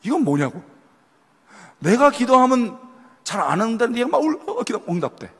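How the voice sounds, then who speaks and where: A man preaching a sermon to young adults, telling stories with lively delivery and acting out people's lines. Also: very high-pitched, moderate pace, breathy edge. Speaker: pastor. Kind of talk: sermon at a youth retreat. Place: church sanctuary. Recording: long hall reverb.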